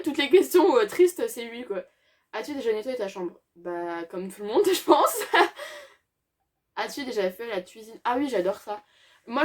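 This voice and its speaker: A teenage girl answering tag questions in a casual, hesitant way, with frequent fillers and little laughs. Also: on the high side. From France. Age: teens. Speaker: YouTuber.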